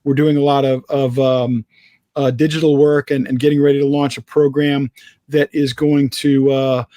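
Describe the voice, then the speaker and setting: A man guesting on a podcast, talking in an energetic, self-assured, joking way about his business. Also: mid-range voice, moderate pace, no echo. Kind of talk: casual interview chat.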